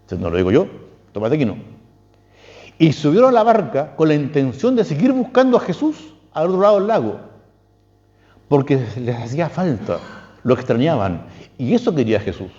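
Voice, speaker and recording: A man's voice: moderate pace, pauses often, long reverb tail, lo-fi sound. A man with a Chilean accent, a priest giving a spiritual lecture, posing questions and quoting texts with emphatic rises. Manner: lively, questioning, quotes texts with emphatic pitch leaps.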